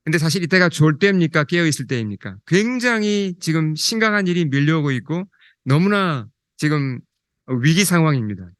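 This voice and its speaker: A male pastor preaching a sermon, his voice on the high side and the sound dry. He keeps asking the congregation questions. He goes slower and softer when he quotes scripture. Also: very animated, no room sound. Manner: asks the congregation questions, reads scripture aloud; slows down and drops soft when quoting scripture.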